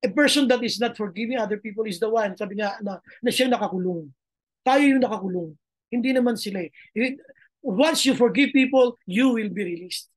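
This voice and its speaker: A woman's voice: a little high, moderate pace. A woman pastor preaching a sermon, emphatic and repeating her phrases. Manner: mixes Tagalog and English, emphatic, repeats phrases.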